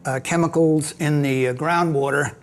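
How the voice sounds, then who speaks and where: A middle-aged man speaking as an expert in a documentary interview, explaining things in a halting, unscripted way. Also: on the high side, steady tone.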